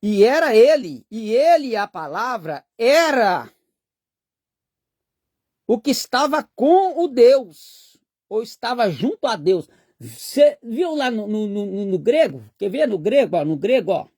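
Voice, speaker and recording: A man's voice: extremely high pitch, sing-song, a little mellow, dry recording, clean studio sound. A man gives an informal lesson, explaining unhurriedly, pointing at the text and reading ancient words out carefully syllable by syllable. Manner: explains slowly, often adding "né?" and "ó" while pointing at texts. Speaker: teacher of biblical languages.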